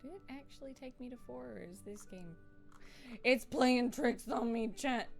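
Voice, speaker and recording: A woman's voice: on the high side, normal speed, creaky, faint music behind. Chatty woman streaming a solo game. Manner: chatty and excitable, talks straight to her chat. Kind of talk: casual live-stream chat and adventure reading.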